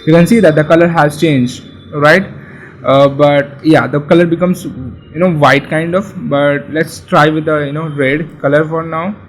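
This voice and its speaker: Male coding tutor, somewhat high voice, loose and chatty delivery full of fillers and restarts. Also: steady tone, unhurried, a little hiss or hum, rough recording. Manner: casual, repetitive, many fillers and restarts. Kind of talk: screen-share coding tutorial.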